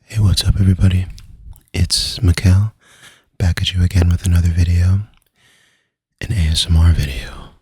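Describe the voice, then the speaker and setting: A man speaking softly and breathily in casual, rambling ASMR style, often slipping into a whisper. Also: sits low, steady tone, moderate pace, husky, no echo. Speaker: ASMR video creator.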